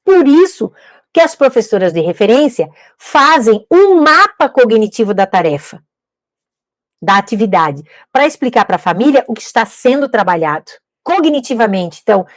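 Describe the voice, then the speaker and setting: A woman's voice: on the high side, big pitch swings, moderate pace, no room sound. A middle-aged woman, giving an instructional talk to teachers, emphatic and repeating key points with rhetorical questions. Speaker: educator teaching literacy teachers.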